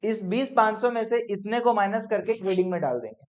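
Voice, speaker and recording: A man teaching accounts in a classroom lecture, brisk and coaxing, often checking whether students follow. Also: high voice, expressive. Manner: brisk, coaxing, peppered with "theek hai?". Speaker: commerce teacher. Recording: dull lo-fi classroom recording.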